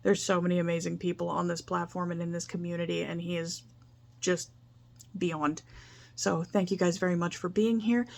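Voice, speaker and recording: A young woman speaks straight to her viewers in an earnest, rambling vlog, circling back on herself. Her voice sits a little low for a woman, and she is open and emotional. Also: fairly even intonation, normal speed, gravelly, darkish tone. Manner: earnest, rambling, emotional, with frequent restarts and laughs. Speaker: vlogger. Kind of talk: casual heartfelt vlog talk.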